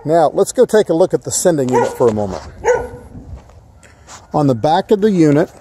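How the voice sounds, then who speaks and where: A man walking around a rural property as he shows how he set up a network link, explaining in a plain, casual way with frequent pauses. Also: a little high, big pitch swings, background noise. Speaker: tech installer demonstrating a setup. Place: outdoors on a rural property and inside a barn office. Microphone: handheld phone camera, filming while walking.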